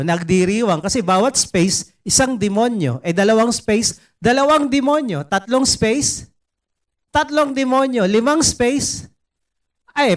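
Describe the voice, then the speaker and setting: A man preaching a sermon in an animated way, mixing in English words and putting questions to the congregation. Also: very high-pitched. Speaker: pastor. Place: church service.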